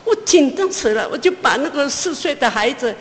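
Woman telling a testimony in a reverberant hall. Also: lively intonation. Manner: pauses and restarts, pitch climbs as she relives the tension. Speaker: mother giving a personal testimony. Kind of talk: emotional spoken testimony.

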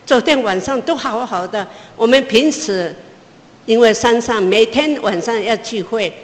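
Woman telling a testimony in a reverberant hall. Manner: pauses and restarts, pitch climbs as she relives the tension. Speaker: mother giving a personal testimony. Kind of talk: emotional spoken testimony.

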